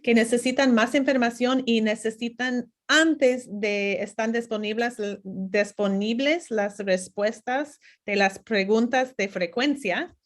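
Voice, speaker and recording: Halting high-voiced woman interpreter. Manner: halting, searching for words. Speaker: interpreter at a town hall webinar. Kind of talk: consecutive interpreting in a public meeting.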